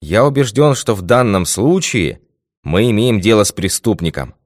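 A man reading the lines of a calm, methodical male detective in a storybook tale, with a measured, confident manner. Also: on the low side, no echo, studio quality, pitched above the performer's own voice, natural voice. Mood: assured.

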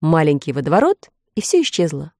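Expressive woman storybook narrator. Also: deep voice, brisk, dry recording, studio quality. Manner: expressive, rising with excitement. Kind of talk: storybook reading.

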